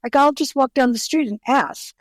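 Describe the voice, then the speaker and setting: An older woman whose mother tongue is Greek recounts stories earnestly as a guest author in a conversational interview, regularly restarting what she says. She has a high voice and a moderate pace, recorded dry at studio quality.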